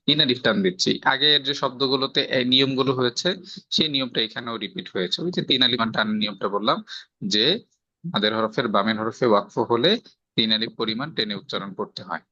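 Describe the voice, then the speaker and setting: Male Bangladeshi recitation teacher, very bright tone, patient step-by-step explainer who quizzes the student; dry, slightly muffled recording. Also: medium pitch, fast, no room sound. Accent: Bangladeshi Bengali. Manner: explains step by step, checks for understanding with rhetorical questions. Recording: slightly dull, dry lo-fi sound.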